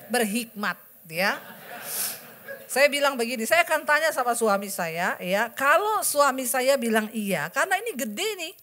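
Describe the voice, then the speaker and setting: High-voiced woman pastor preaching. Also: unhurried. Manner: lively storytelling, acting out quoted voices; asks the congregation rhetorical questions. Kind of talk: sermon.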